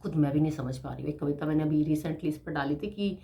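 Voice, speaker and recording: A middle-aged woman teacher giving a casual motivational talk, chatty and animated, laughing often as she talks. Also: low-pitched, fast talker.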